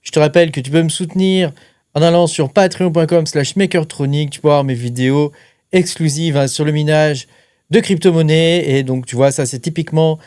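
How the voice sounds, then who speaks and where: A man's voice: fairly high pitch, moderate pace, darkish tone, no room sound. Chatty man, dry close sound. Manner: chatty, filler-heavy, keeps adding "hein". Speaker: crypto mining channel host. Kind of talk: casual explainer talking to camera.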